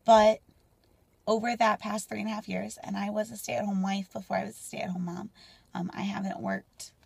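Twenty-something woman talking into her phone in the car, husky, kinda rambly, goes quiet and whispery sometimes. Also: mid-range voice, flat delivery, normal speed, dry recording. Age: 20s. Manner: candid and rambling, drops to soft near-whispers. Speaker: mom vlogger. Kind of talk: casual personal vlog. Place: parked car, indoors. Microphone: phone camera at arm's length.

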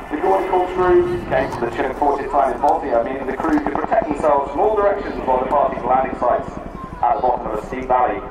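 A man giving live airshow commentary, explaining the display as he announces it to a crowd. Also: medium pitch. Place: outdoor airfield public address. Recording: echoey distant loudspeaker, loud helicopter noise. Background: helicopter noise outdoors.

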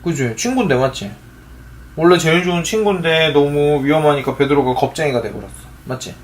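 A man's voice: a little high, brisk, a little hiss or hum. A father reading a picture book aloud to his young child, patiently asking her questions as he reads.

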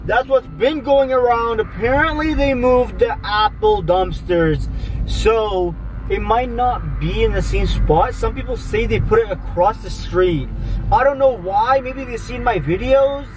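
A young man hosting a vlog in casual, excitable, slangy talk, repeating his catchphrases to the camera. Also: high-pitched, a little slow, poor audio. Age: young adult. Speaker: vlog host. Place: inside a car at night and outdoors by it. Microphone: handheld camera at arm's length. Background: background music.

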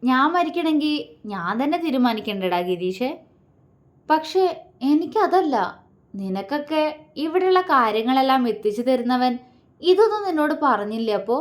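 A woman's voice: sits high, very animated. A woman voicing a menacing young man who mocks and taunts his enemy, in a storybook reading. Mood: taunting. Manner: sneering, taunting, slow and deliberate.

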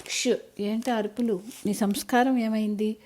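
A woman voicing a middle-aged activist mother who speaks calmly and patiently but scolds firmly, in an audiobook story. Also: a little high, moderate pace, lightly acted.

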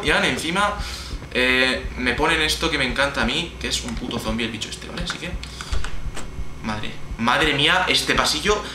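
A man from Spain with a Spanish accent hosts a horror game let's play, nervous, jumpy, and swearing constantly. His voice is medium in pitch and sharp. The recording is roomy, with a distant mic and background noise.

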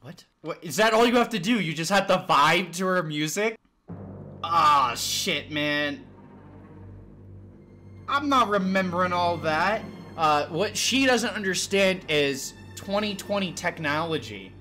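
A man recording let's play commentary, excitable and swearing, yelling at jump scares. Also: sits high, unhurried, soft background music. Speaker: gaming channel host.

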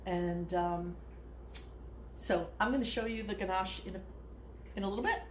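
This woman in her sixties hosts a homey cooking demonstration with a mid-range voice at a moderate pace, chatting, wandering off topic and laughing frequently. She is recorded on a phone close by, in an echoey kitchen with noise in the background.

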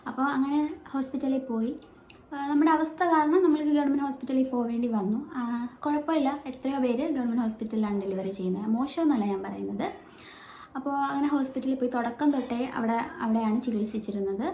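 Recorded on a phone or camera mic in an echoey room with faint background noise, a woman with a Malayali accent vlogs from home, her baby nearby. She tells a personal story chattily, with many fillers and restarts, in a warm, high-ish voice at a quick pace.

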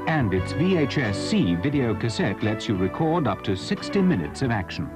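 Man narrating an ad from an old VHS tape. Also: sing-song. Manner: smooth, measured product pitch. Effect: old VHS tape audio. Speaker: promotional narrator. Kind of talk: scripted ad voice-over. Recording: voice-over over loud music. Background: loud backing music.

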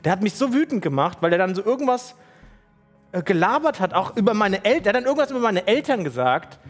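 A man from Germany, a streamer, telling a story in a slangy, animated, casual way. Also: high-pitched, fast talker, faint music behind. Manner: slangy and animated, acts out quotes.

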